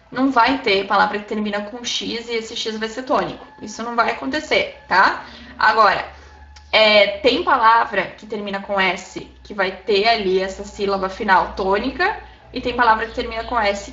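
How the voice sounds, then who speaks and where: A woman's voice: on the high side, bright, forceful tone. A Brazilian woman teaching a Spanish class, explaining patiently and often checking in with her students. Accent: Brazilian Portuguese. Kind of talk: recorded class lesson. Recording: echoey room, dull lo-fi sound.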